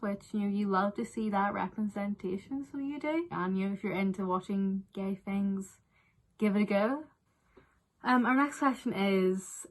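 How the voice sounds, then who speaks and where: A young woman with a Northern Irish accent chatting casually through viewer questions, with lots of fillers. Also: mid-range voice. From Northern Ireland. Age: young adult. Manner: chatty, animated, frequent "like" and "um" fillers. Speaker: vlogger answering viewer questions. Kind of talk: casual Q&A chat.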